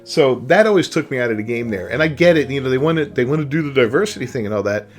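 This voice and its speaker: A man's voice: medium pitch, lively intonation, quick pace, faint music behind. A man hosting a gaming channel, giving casual opinion commentary in a rambling way, often tagging on "right?" and "you know".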